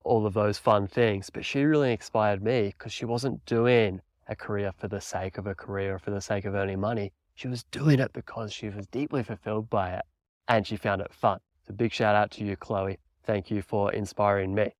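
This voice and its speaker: In his thirties and Australian-accented, this mountain bike coach hosts his own casual podcast, speaking in a lowish, steady tone at a moderate pace with no echo. He sounds upbeat, keen, and relaxed.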